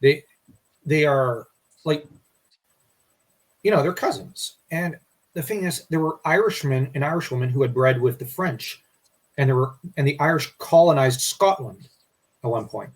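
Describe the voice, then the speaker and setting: A man's voice: a little high, normal speed, long pauses. A man co-hosting a casual history discussion, rambling and restarting his sentences. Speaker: podcast co-host.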